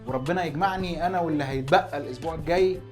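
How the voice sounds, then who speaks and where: A man's voice: on the high side, very fast, loud music behind the voice. A man in his twenties with an Egyptian Arabic accent, talking naturally and unscripted to the camera as a football fan host, earnest and insistent with rhetorical questions. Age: 20s.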